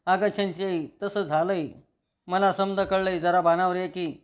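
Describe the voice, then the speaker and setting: A woman's voice: lowish voice, fairly even intonation, a little slow, clean tone, lightly acted. A man reading the lines of a fretful, scheming middle-aged mother who scolds her daughter. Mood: scolding.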